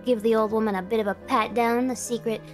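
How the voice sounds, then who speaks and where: A woman's voice: fairly high pitch, steady tone, fast, faint music behind. A woman playing a tabletop game, casual, playful and eager. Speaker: player.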